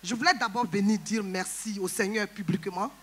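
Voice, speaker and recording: A woman's voice: medium pitch, a crowd in the background. A woman giving a personal testimony in a church service, earnest and recounting. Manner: earnest, recounting, quick replies.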